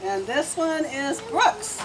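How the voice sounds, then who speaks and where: Woman, high swooping voice, coaxing kids through games, loud background noise. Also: sing-song, takes it slowly. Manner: coaxing, instructing, uses endearments. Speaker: adult running children's party games. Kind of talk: casual chat with young children. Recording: noisy home video with loud ambient noise.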